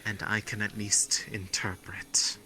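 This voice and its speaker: A man playing a guide who interprets the spirits, speaking in a measured, hesitant way. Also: fairly low pitch, monotone, pushed and bright, whispered, poor audio. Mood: guiding. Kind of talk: in-character roleplay.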